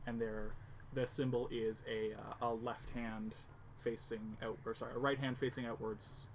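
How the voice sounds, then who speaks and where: A man running a tabletop game as game master, in casual, halting speech. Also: mid-range voice, level tone, gravelly, slight background noise. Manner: casual, halting, with many fillers.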